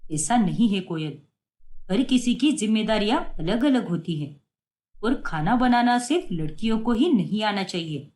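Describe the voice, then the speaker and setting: A woman voicing a kind young adult brother who calmly reassures his sister in an animated story. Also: medium pitch, moderate pace, pitched below the performer's own voice, natural voice. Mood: reassuring. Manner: reassuring, explaining.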